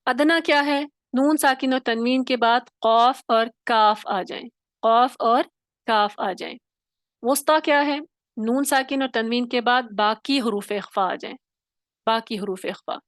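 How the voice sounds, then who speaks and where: A fairly high-voiced woman teaches Quran recitation in an online class, explaining each point patiently and checking in often. Her voice sits close and dry on the mic, with no room sound. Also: a little slow, dry recording.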